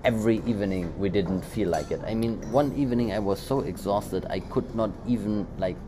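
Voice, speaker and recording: He speaks briskly in a voice on the low side, a German native co-hosting a casual motivational podcast. His talk is loose and rambling, packed with restarts and fillers, and the recording carries background noise.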